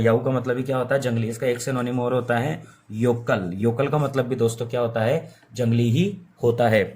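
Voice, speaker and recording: A young man teaches English words in a chatty, informal lesson. He drills each meaning over and over, poses questions to his students and answers them himself. His voice sits at an ordinary middle pitch. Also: darkish tone. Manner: repetitive, asks questions and answers them himself, playful mnemonics. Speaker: vocabulary teacher. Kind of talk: informal Hindi-medium lesson.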